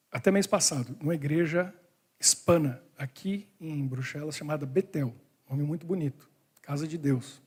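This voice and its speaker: In a Brussels church hall, a pastor preaches a sermon, talking directly and conversationally to his congregation. His voice is fairly high, husky, and darkish in tone.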